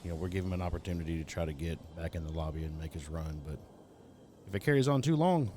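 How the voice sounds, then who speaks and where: A man's voice: low-pitched, fast talker, dark tone, slight background noise. A man, hosting and commentating a live esports racing event in a casual, joking way. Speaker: race event host and commentator.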